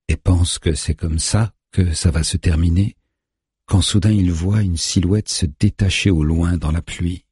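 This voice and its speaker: A man narrating a thriller audiobook in a steady, tense storytelling manner. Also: low-pitched, slightly rough, no echo, studio quality.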